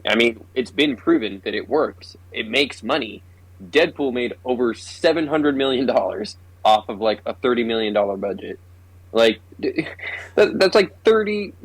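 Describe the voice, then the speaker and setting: Young male podcast co-host, animated retelling, dry booth sound. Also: medium pitch, husky, no room sound, low-quality recording. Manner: excitable, swears a lot, laughs while retelling scenes. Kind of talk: casual chat.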